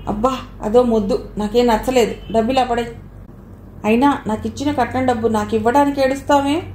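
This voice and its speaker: A crude, mocking young husband who talks scornfully, as a woman reader voices him. The voice sits fairly high, with a mellow tone, in a roomy space with a faint hiss. It comes from a storybook reading. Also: steady tone, a little fast, lightly acted. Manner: scornful, offhand. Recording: echoey room, faint background noise.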